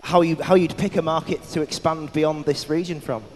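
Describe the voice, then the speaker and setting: A man moderating a panel discussion, halting and full of fillers. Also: a little high, steady tone, a little mellow. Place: conference hall. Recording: echoey hall, faint background noise.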